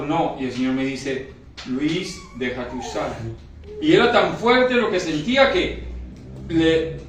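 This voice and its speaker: Emotional male preacher, high voice, repeats himself, heard from afar in a very echoey room. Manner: emotional, repeats phrases, asks the congregation questions. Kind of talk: sermon. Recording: echoey room, recorded from far off, faint noise.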